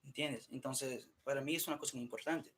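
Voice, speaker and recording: A man's voice: mid-range voice, fairly even intonation, brisk, background noise. Profane rambling man talking to himself. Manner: profane, rambling, restarts and self-interrupts; switches between English and Spanish. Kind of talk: casual rambling monologue.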